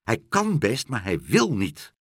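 A man's voice: fairly low pitch, huge pitch swings, takes it slowly, a bit bright, slightly rough, no echo, clean studio sound, full character voice. A man voicing a stern, impatient heron in a storybook, curt and commanding.

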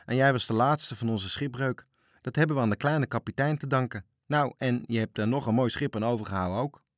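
A hearty, cheerful sailor speaks up loud and bright, as a man reading a storybook puts him on. The sound is close and dry. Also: mid-range voice, brisk, no room sound, voice pushed up, lightly acted.

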